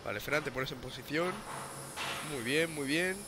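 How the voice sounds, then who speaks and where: A man's voice: medium pitch, a little slow, heavy background noise. A young man, a gamer doing casual let's-play commentary, swearing and rambling with mock panic. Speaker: gamer streamer.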